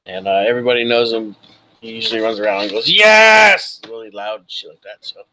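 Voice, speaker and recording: A man's voice: lowish voice, level tone, fast, fairly bright tone, rough recording. A man introducing his tabletop character in casual, rambling, jokey chat. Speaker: guest game master and player.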